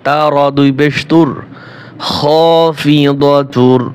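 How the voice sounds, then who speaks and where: A man's voice: medium pitch, unhurried. A man teaching Quran reading, spelling out each letter and vowel mark patiently before chanting the verse, and asking learners questions that he then answers himself. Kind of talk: step-by-step reading lesson.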